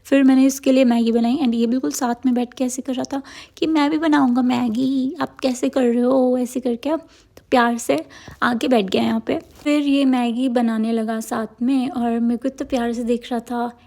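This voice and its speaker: A young woman talks through her day for her vlog in a loose, chatty way. She rambles and keeps circling back with filler words. Her voice sits a little high. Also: flat delivery, moderate pace, mellow. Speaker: vlogger. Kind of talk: casual vlog narration.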